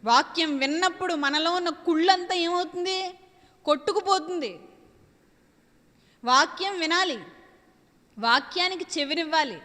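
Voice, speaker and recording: A woman's voice: very high voice, a little slow, pauses often, fairly bright tone, big-room sound. A woman preacher delivering an emphatic sermon, repeating her phrases and asking and answering her own questions.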